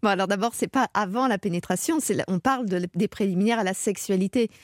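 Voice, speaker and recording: A woman's voice: medium pitch, fast talker, dry recording, clean studio sound. A woman sexologist and psychoanalyst speaking frankly and thoughtfully on a radio show, often repeating words as she thinks. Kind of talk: expert radio chat.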